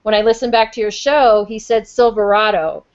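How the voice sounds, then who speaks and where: A middle-aged woman co-hosting a talk show, chatting casually and telling stories in an animated way. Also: medium pitch, moderate pace, lo-fi sound. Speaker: co-host of a paranormal talk show. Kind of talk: casual chat and storytelling. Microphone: video call.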